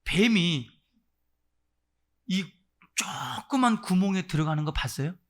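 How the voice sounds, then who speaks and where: A man preaching a Sunday sermon as pastor, swinging between loud exclamations and near-murmurs and putting direct questions to the congregation. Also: high-pitched, expressive, takes it slowly. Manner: acts out voices of those he quotes. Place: church service.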